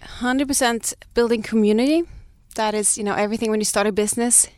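This clean studio take, free of room sound, features a fashion brand founder in her thirties who grew up in Sweden and speaks Danish or Swedish natively. She talks quickly in a steady, fairly high, slightly dark voice. Answering interview questions, she is thoughtful, frequently breaks off to begin again, and laughs softly now and then.

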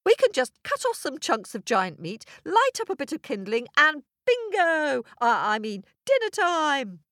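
A cocky, excitable trickster coyote, put on by a woman brags in a high, lively voice that leaps about. He sounds sure of himself and full of schemes. The recording is close and dry. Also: a little slow, dry recording, exaggerated voice. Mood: boastful. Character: boastful hungry male trickster coyote.

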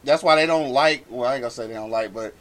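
A man's voice: mid-range voice, quick pace, a bit bright. A man talking casually in a group discussion, using informal, profane slang.

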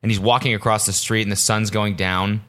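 A man's voice: lowish voice, fairly even intonation, brisk, a bit bright. A man from Canada hosting a casual podcast, loose and jokey, swearing freely. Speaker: podcast host.

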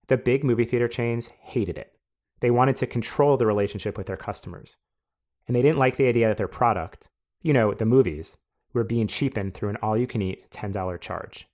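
A man hosting a podcast, reading a measured, scripted narration that explains a business story. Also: mid-range voice. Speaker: podcast host.

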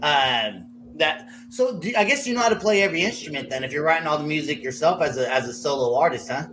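A man's voice: a little high, expressive, fast talker. A man hosting a casual interview, asking informal, loosely phrased questions. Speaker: interview host. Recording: clear background noise.

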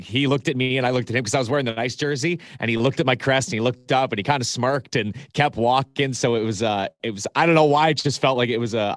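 A man's voice: medium pitch, no echo, clean studio sound. A man co-hosting a hockey podcast, talking scoring stats with enthusiasm and a few stammered restarts. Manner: enthusiastic, stat-heavy, some stammering restarts. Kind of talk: casual sports chat.

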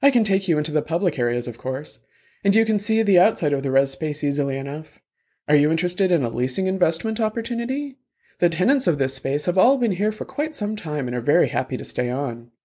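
A man's voice: on the high side, big pitch swings, fast, a little mellow. A man voicing a chirpy female-styled real estate sales bot, speaking in a canned, salesy patter in an audiobook.

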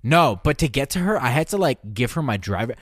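A man's voice: mid-range voice, big pitch swings, fairly quick, no echo, clean studio sound. A giggly, drunk man co-hosting a podcast, rambling and swearing through casual stories. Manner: profane, rambling. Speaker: podcast co-host. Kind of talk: casual storytelling chat.

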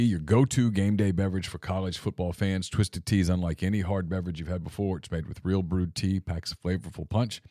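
A male co-host delivers a scripted ad read. His voice sits low, and the recording is dry and close with very little room sound. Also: darkish tone, no room sound. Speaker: co-host reading sponsor spot.

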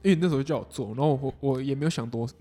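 A man's voice: mid-range voice, racing, mellow, soft background music. A young man with a Taiwanese accent chatting casually as a podcast co-host, mixing English words into his talk. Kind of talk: casual chat.

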